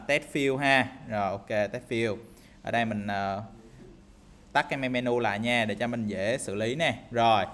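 A man's voice: medium pitch, fairly bright tone. Casual man teaching coding. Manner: casual, thinking aloud with many fillers and tag questions. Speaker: programming instructor. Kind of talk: screen-recorded coding tutorial.

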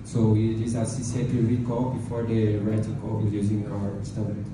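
A man's voice: fairly low pitch, completely flat delivery, moderate pace. A man in his thirties co-presenting an informal technical explanation in a lightning talk. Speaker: conference co-presenter. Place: medium conference room, indoors. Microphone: handheld mic through PA, picked up by a distant camera. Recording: roomy, distant, noisy room recording.

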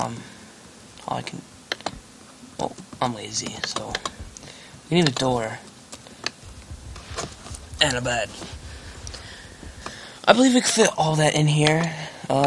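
Rambling young man with a gravelly voice. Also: mid-range voice. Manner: rambling, self-deprecating, lots of fillers. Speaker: gaming channel host. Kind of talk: casual gameplay commentary. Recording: noisy home recording with keyboard clicks. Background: keyboard clicks and typing.

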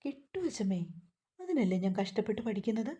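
A woman's voice: medium pitch, sing-song, brisk, dark tone, natural voice. A woman voicing an earnest young woman studying for an exam, reassuring her grandmother.

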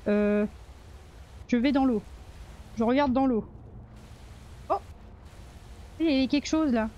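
A woman streamer gives loose, playful commentary as she plays, bantering with the game characters and swearing freely. Her voice sits high, and she talks at a slow, drawn-out pace. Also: lo-fi sound. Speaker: gaming streamer. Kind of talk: casual let's-play commentary.

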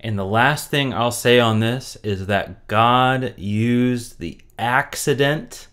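A man's voice: mid-range voice, slow pace, fairly bright tone, clean tone. A man teaching an online Bible lesson for children, telling the story expressively and asking rhetorical questions.

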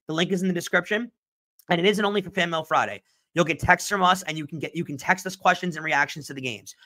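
Bright-voiced animated sports podcast man. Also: a little high, quick pace. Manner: animated, emphatic, repeats points. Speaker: podcast host.

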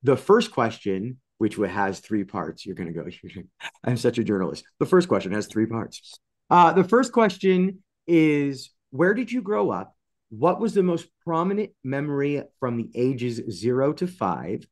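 Here is a man in his thirties hosting a writer interview from his home studio. He talks in an animated, expressive way, and his pitch sits in a middle range for a man. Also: a little slow. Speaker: interview host. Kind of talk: video call interview. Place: home studio with colored light strips.

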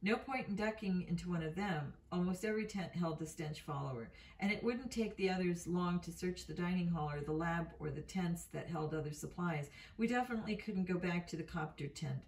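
A woman's voice: fairly low pitch, fairly quick. A woman reading a novel aloud in an unpolished way, with slips and self-corrections. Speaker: reader. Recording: roomy, mic at a distance.

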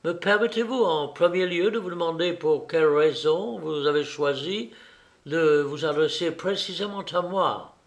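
A man reading an audiobook, voicing a brilliant, restless male detective with a brisk, precise, self-assured manner. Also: a little high, lightly acted. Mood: soothing.

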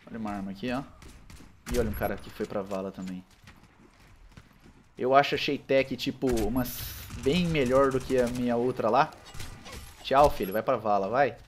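A young man with a Brazilian Portuguese accent giving casual, slangy commentary over his own gameplay, with excitable loud outbursts. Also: medium pitch, moderate pace, long pauses, a little hiss or hum. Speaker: gaming channel host.

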